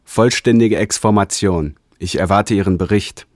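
A man's voice: on the low side, moderate pace, no room sound, studio quality, close to an everyday voice. A man doing a commanding alien expedition chief. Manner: formal, issuing clipped orders.

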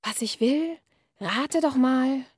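A woman reading from her novel, voicing a sly, sinister night creature in a slow, coaxing, half-whispered hiss. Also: sits high, husky, dry recording, clean studio sound, heavily acted. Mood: menacing.

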